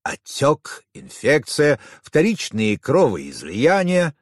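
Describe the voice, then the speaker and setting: A man's voice: on the high side, wildly swooping pitch, takes it slowly, no room sound, studio quality, pitched above the performer's own voice, heavily acted. An audiobook reader voicing a spiteful, jealous male senior surgeon who talks with a sneer. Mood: gloating. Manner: sneering, resentful.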